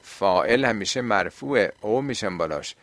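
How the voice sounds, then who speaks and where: A man with a fairly low voice explains religious questions in a question-and-answer talk. He often puts rhetorical questions to his listeners. The recording is close and dry, with no room sound. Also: animated, a bit bright, no echo.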